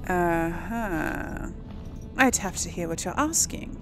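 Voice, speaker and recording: This woman's voice is on the low side and expressive, and she takes her time as she hosts a let's play. She casually reacts to a role-playing video game, thinking out loud and often laughing, with game sounds and faint music behind her.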